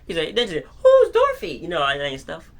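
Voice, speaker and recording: A man with a voice on the high side and some vocal fry talks briskly through an unscripted, casual film review. He's excitable and rambling, often repeating words as he retells scenes.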